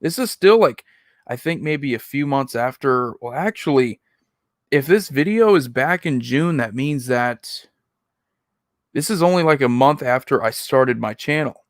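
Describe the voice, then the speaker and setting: A man's voice: medium pitch, expressive, unhurried, dry recording, clean studio sound. A man hosting casual reaction commentary, talking in a rambling, self-critical way. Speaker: video host reacting to own old videos.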